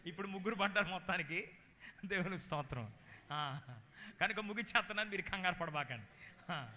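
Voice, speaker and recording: Telugu preacher guy, high bright voice, big church echo, goes from shouting to soft asides. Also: expressive, fairly quick, a little hiss or hum. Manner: impassioned, swinging from loud exclamations to low asides. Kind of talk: sermon. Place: church hall.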